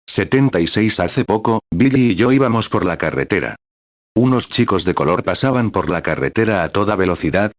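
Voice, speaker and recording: Deep-voiced man reading a sermon. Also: no echo, studio quality. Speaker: sermon reader. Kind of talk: translated sermon narration.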